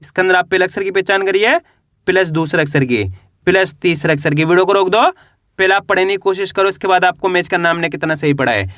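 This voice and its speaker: A man teaching a beginners' Hindi reading lesson, spelling words slowly syllable by syllable and asking the class to repeat. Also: sits high, fairly bright tone, no room sound, studio quality. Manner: addresses viewers as friends.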